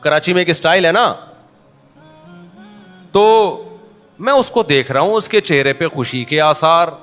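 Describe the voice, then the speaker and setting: Chatty preacher with a raised voice. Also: male voice, fairly high pitch, animated, a little slow, a bit bright, soft background music. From Pakistan. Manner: chatty, humorous storytelling, addresses listeners directly. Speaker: Islamic preacher. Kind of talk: informal religious talk with anecdotes.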